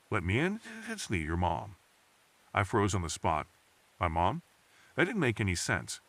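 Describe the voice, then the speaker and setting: A man's voice: on the low side, fairly bright tone, no room sound. A man reading a scripted first-person horror story in a tense, suspenseful storytelling manner.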